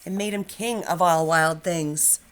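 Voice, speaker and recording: A middle-aged woman talks to young pupils like a teacher, her fairly low voice moving at a measured pace over a noisy background. She sounds informal and encouraging, if slightly nervous, mixing casual chat with an expressive children's storybook read-aloud.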